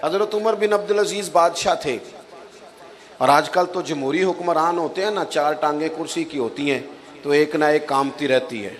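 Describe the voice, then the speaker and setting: A man delivering a religious sermon, telling stories and acting out the voices in them. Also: a little high. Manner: animated storyteller, acts out quoted voices. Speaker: Islamic preacher. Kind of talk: Urdu religious sermon with storytelling.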